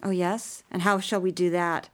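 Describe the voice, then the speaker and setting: A woman reading an audiobook, voicing a sharp-tongued, bossy young sister with a cross, sarcastic manner. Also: fairly low pitch, little pitch movement, moderate pace, natural voice.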